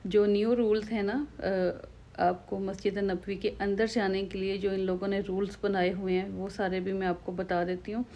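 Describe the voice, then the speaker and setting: A young Pakistani woman with a Pakistani Urdu accent and a slightly hoarse throat, chatting to viewers in a casual travel vlog. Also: mid-range voice, a little mellow. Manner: chatty, conversational, addresses viewers directly. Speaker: vlogger.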